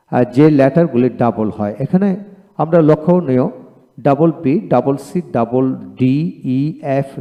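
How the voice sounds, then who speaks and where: A man teaching a lesson, methodically listing item after item with counts in a steady explaining voice. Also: medium pitch. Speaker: English teacher. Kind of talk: instructional explanation. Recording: long hall reverb.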